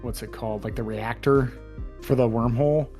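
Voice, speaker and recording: Young male co-host, rambling casual talker, middle pitch, light music underneath. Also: fairly even intonation, normal speed, warm tone. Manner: rambling, retells scenes with put-on voices and laughs. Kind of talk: casual chat.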